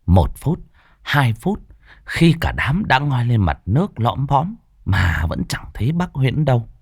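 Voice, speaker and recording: A man's voice: medium pitch, very animated, measured pace, creaky, slightly rough. A man narrating a rural ghost story in a dramatic storytelling manner.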